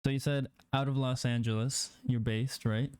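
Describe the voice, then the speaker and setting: A man's voice: mid-range voice, fairly even intonation, moderate pace, a little mellow, smooth, no room sound. A young man from Mexico hosting an interview, asking rambling, easygoing questions with fillers. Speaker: podcast host.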